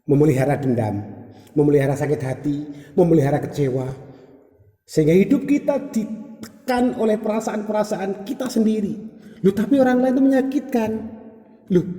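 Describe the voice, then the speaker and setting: A pastor delivers a conversational sermon, slipping into lively quoted asides. His voice is very dark and mellow, and his pitch sits a little higher than most men's. The sound rings through a roomy church hall with long reverb.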